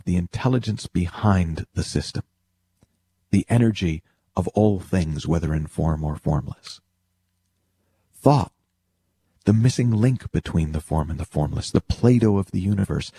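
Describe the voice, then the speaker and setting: A man's voice: sits low, mellow, slightly rough. A man giving an explanatory motivational talk, speaking to the listener directly with emphatic phrasing and rhetorical questions. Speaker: speaker teaching spiritual principles.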